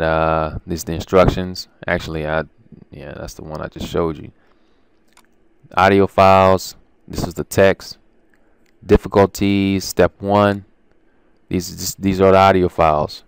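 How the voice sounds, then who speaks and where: In a casual screen-share walkthrough, a man shows viewers his language course materials, chatting informally with plenty of ums and restarts. His voice is low and smooth, and the recording has no echo.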